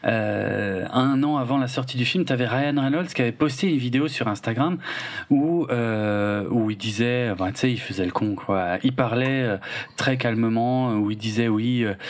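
Laid-back rambling man chatting about films. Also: medium pitch. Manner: rambling, laid-back, lots of filler and hedging. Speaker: podcast co-host. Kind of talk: casual film review chat.

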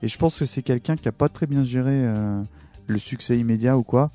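Chatty, mellow-voiced French man. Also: mid-range voice, brisk, soft background music. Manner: chatty, teasing, laughs often. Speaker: podcast co-host. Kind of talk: casual chat about records. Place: recorded together in person.

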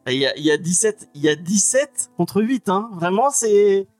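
A man's voice: sits high, expressive, normal speed, no echo, soft background music. A man hosting a live stream and running a chat poll in a playful, jokey way.

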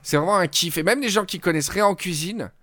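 A man's voice: sits high, fast, sharp tone, no room sound, clean studio sound. A man from France hosting a casual podcast recap, chatty and opinionated, with laughing asides. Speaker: podcast host.

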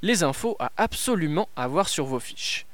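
Male show host, upbeat segment links, fairly high voice, music bed behind. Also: expressive, moderate pace. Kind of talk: scripted news show links.

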